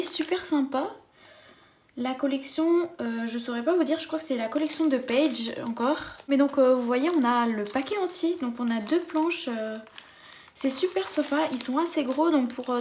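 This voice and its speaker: A woman's voice: sits high, a little mellow, a little hiss or hum. A woman chatting enthusiastically as she unboxes a craft kit for her viewers. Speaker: craft vlogger. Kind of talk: casual unboxing chat.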